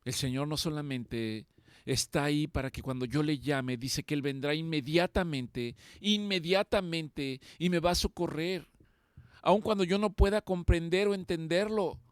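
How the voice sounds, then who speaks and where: A man's voice: fairly high pitch, moderate pace, clear, resonant tone, no room sound. A man preaching a sermon as pastor, impassioned and emphatic, repeating key phrases for weight.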